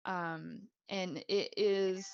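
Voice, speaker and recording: A woman's voice: fairly low pitch, steady tone, extremely slow, creaky, clear, resonant tone, highs cut off. A woman game master improvising narration in an informal, playful, sweary way.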